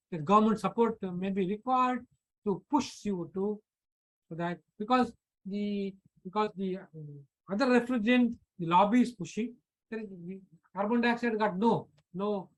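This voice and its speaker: A man with an Indian English accent giving an online lecture, halting and repeating words with frequent fillers. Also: high-pitched, low-quality recording. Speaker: professor presenting a workshop lecture. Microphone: computer mic on a video call.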